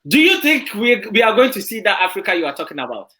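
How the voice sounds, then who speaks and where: A talk show host interviewing a guest, expressive and repeating words for emphasis. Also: medium pitch, quick pace. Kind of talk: online talk show hosting.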